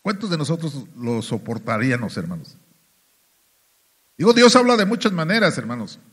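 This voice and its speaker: A man's voice: fairly high pitch, very animated, moderate pace, fairly bright tone, breathy edge. A man with a Mexican accent preaching a sermon testimony in a church, talking emphatically and often turning to the congregation. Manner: emphatic, keeps addressing "hermanos".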